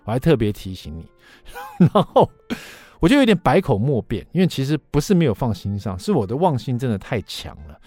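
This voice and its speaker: A middle-aged man hosting a radio talk show, speaking. His pitch swings up and down as he tells a self-mocking anecdote. The studio sound is dry, with faint music underneath. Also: sing-song, fairly quick, darkish tone, dry recording. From Taiwan. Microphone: studio microphone.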